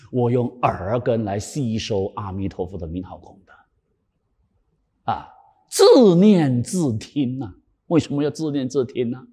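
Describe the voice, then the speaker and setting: A man with a raspy, husky voice delivers a Buddhist sermon at an unhurried pace, lines lingering in a long hall reverb. His pitch leaps and falls widely, loud emphatic phrases giving way to hushed whispered asides. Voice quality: raspy, cracked voice. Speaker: Buddhist dharma teacher.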